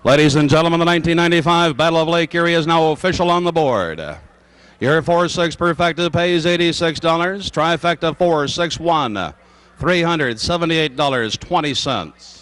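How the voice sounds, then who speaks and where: Guy on the track PA calling results and payouts, formal and projecting, voice a bit on the high side. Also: normal speed, fairly bright tone, smooth. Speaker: racetrack announcer. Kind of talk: public-address race announcing.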